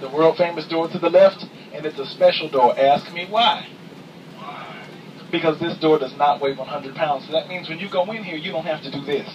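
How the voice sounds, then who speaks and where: A male flight attendant delivers a comic cabin announcement from some distance, through obvious background noise. His voice sits a little high for a man, and he talks with dry, mock-stern sass, repeating himself for emphasis. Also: normal speed, dull audio. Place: aircraft cabin. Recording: distant, noisy aircraft cabin capture.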